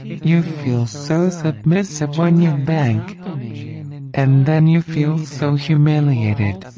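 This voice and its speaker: A man narrating a hypnosis recording in a slow, commanding, repetitive way. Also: a little high, highs cut off.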